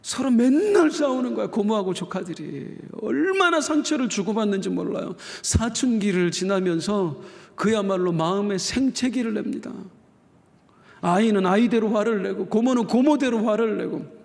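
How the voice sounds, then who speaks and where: A man preaching a sermon as pastor, telling a story with emotion and voicing the characters with sudden loud outbursts, in a church sanctuary. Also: sits high, lively intonation, normal speed, gravelly. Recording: long reverb of a church hall.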